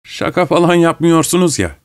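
A man reading an audiobook, voicing an irritable, suspicious middle-aged gentleman who talks bluntly and sharply. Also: on the high side, expressive, normal speed, smooth, voice pushed up. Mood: irritated.

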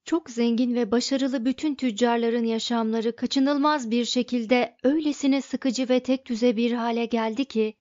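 A woman reading a novel aloud as audiobook narrator, in measured, even storytelling. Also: fairly high pitch, no room sound. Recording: dull dry audiobook recording.

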